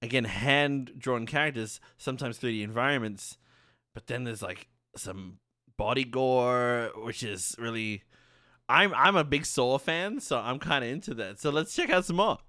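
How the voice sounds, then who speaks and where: A young man streams a reaction from a dim home room lit with colored lights, chatting casually and exclaiming and laughing a lot at what he's watching. His mid-range voice moves at a normal pace, captured on a headset mic with studio quality and no room sound. Loud anime music plays beneath his voice.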